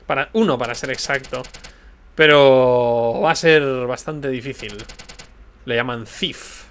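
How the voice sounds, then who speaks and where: A man's voice: mid-range voice, fairly bright tone. A man reading as a wary game merchant. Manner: hesitant, slow reading of game text.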